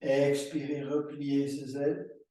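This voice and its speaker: A man teaching a yoga class, giving slow, calm breathing and movement cues. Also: medium pitch, distant mic. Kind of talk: guided yoga class instruction. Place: room recorded as an online class. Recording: roomy echo, voice from afar.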